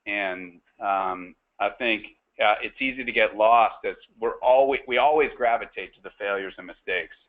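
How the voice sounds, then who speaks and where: A man speaks in a lowish voice, hosting a webinar panel and working through his points with frequent pauses and restarts. The sound is thin and narrow, like a phone line. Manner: halting, many fillers and restarts. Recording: tinny phone-line audio.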